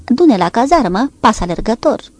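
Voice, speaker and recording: A woman's voice: medium pitch, expressive, darkish tone. Brusque lord's daughter, voiced by a woman narrator. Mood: vehement. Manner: vehement, commanding.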